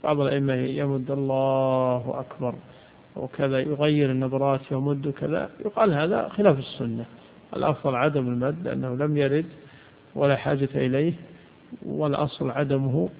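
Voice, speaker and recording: A man's voice: medium pitch, steady tone, brisk, creaky, a little hiss or hum. A man teaching a religious lesson on jurisprudence, posing questions and answering them himself. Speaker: Islamic scholar teaching jurisprudence. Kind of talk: religious lesson explaining a legal text. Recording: tinny phone-like lo-fi recording.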